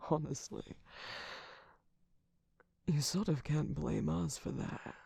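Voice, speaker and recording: A man voicing a sly, distrustful jester cookie villain in an intimate ASMR roleplay, teasing and theatrical in a breathy, husky, often whispered voice close to the microphone. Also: on the high side, takes it slowly, warm tone, no echo, full character voice. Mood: mocking, guarded. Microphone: close-up microphone, dry.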